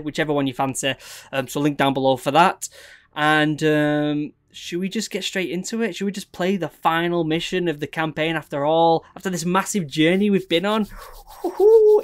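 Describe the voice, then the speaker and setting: A young man with a cold and a nasal voice, chatting upbeat while playing a game. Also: fairly high pitch. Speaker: gaming host. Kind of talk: casual gameplay commentary.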